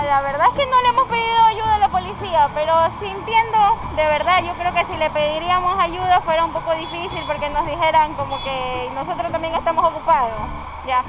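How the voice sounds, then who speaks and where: A woman's voice: very high voice, poor audio. A woman, a street vendor talking earnestly to a reporter outdoors. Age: 30s. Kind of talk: street interview answers. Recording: loud music under street audio.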